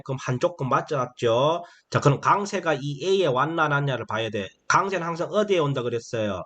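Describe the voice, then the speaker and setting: A man teaching English phonics to beginners in a slow, explanatory way. He keeps asking questions and answering them himself, and he drags out the key phrases. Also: fairly high pitch, a bit bright. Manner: repetitive, asks and answers his own questions; drawls key phrases slowly.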